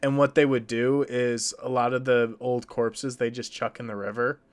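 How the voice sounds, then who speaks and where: A man's voice: medium pitch, flat delivery, normal speed. A man with a mid-range voice co-hosting a history podcast. He talks chattily and jokes around between facts. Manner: joking, chatty. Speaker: podcast co-host. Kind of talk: casual history podcast chat.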